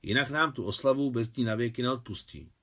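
A man reading the part of a joyful older mother in a novel, with emphatic, animated delivery. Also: mid-range voice, lightly acted.

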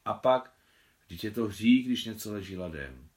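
A man's voice: lowish voice, expressive, a little mellow, lightly acted. A man voicing a shrewd, talkative woman, a marshal's wife, in an audiobook reading, chatty and lecturing. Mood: confident. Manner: chatty, self-assured, lecturing.

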